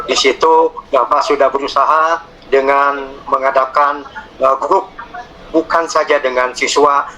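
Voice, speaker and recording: A man moderating an online meeting, speaking haltingly with many fillers and pauses. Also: mid-range voice, pushed and bright, a little hiss or hum, rough recording.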